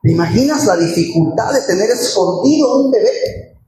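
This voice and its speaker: High-voiced preacher in an echoey church. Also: male voice, animated, normal speed, mellow. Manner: emotive storytelling with rhetorical questions. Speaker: pastor. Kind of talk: sermon. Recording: very echoey church with faint room noise.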